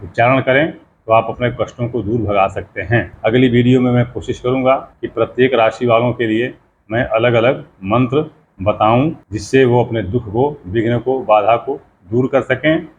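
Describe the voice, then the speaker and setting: A man explaining how mantras should be pronounced, patiently repeating words slowly to demonstrate each sound. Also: medium pitch, steady tone, lo-fi sound, slight background noise. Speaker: astrology teacher. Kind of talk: explanatory talk on mantra pronunciation.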